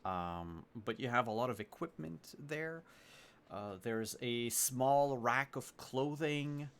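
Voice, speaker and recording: A man's voice: mid-range voice, slow pace, fairly bright tone, clean tone. A man narrating a tabletop role-playing game as game master, improvising descriptions as he goes.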